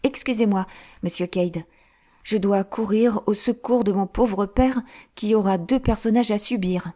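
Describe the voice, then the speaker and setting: A woman reading an audiobook, voicing a bright, teasing young noblewoman with a lively, mocking manner. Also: mid-range voice, unhurried, voice pushed up, close to an everyday voice. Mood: exasperated.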